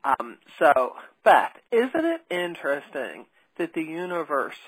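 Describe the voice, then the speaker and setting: A woman's voice: deep voice, big pitch swings, a little slow, breathy edge, no room sound, low-quality recording. A woman hosting a spiritual podcast interview, talking in an earnest, emphatic way. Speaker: podcast host.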